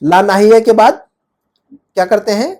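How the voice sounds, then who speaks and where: A man's voice: high voice, darkish tone. A man teaching Arabic grammar in Urdu, explaining patiently and often asking his student check-up questions.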